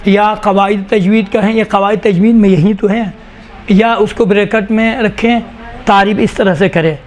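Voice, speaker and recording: A male teacher dictating definitions to a class, slowly repeating each phrase so students can write it down. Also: sits high, steady tone. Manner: slow, repeats each phrase for note-taking. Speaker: Quran recitation teacher.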